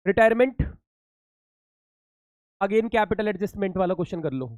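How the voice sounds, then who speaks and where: Chatty teacher, high voice. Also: male voice, normal speed, darkish tone, dry recording. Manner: chatty, addresses students as beta, reassuring. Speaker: commerce teacher. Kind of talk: casual exam-tips lesson.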